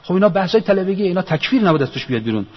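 A man with a husky, somewhat high voice gives a religious lecture. He reasons aloud earnestly and circles back to repeat his main points. The dull, lo-fi recording carries a long echo from a large hall. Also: very animated. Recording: echoey hall, dull lo-fi sound.

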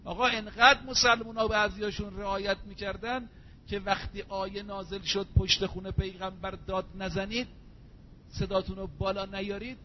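A man giving a sermon, reciting Arabic verses slowly and then explaining them in everyday speech. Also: high voice, level tone. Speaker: preacher. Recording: dull lo-fi recording with faint hum.

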